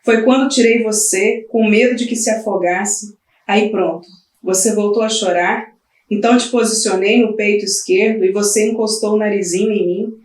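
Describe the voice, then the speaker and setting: A woman's voice: mid-range voice, steady tone, moderate pace, a little mellow, lightly acted. A woman voicing a worn-out new mother pleading with her baby, weary and close to tears. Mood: weary, tender. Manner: weary, pleading, breaking into tearful cries. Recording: roomy, from the mic at a distance.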